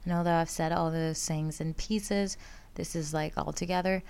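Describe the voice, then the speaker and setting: This podcast host is a young woman from Greece studying astrology, talking solo and casually outside while sirens sound nearby. She rambles, corrects herself and laughs a lot, her low voice creaky yet a little mellow and smooth, with fairly even intonation at a normal speed.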